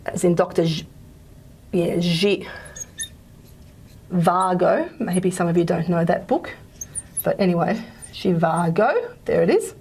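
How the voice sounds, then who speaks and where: A woman gives a relaxed recorded lecture on speech sounds. Her talk is loose and conversational, scattered with ums and "okay?" checks. She sounds out example consonants as she works at the board. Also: fairly low pitch, normal speed, creaky, pauses often, slightly rough. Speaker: phonetics lecturer.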